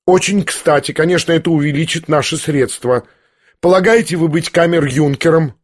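A man's voice: fairly high pitch, moderate pace, natural voice. A man voicing a proud young noblewoman who questions sharply and mockingly. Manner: imperious, pointed questioning.

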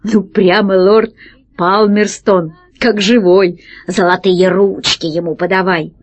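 A woman voicing a calm, dry-humored male leader giving orders in a storybook reading. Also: medium pitch, slow pace, lo-fi sound. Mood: dry, commanding.

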